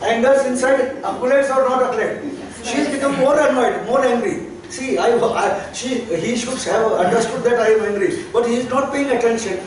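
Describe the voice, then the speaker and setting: A man's voice: extremely high pitch, fairly quick, few pauses. A man teaching a therapy class, in plain with chuckling asides. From India. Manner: plain non-native English, chuckling asides. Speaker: therapy trainer. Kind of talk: classroom lecture. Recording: echoey hall, distant mic, faint noise.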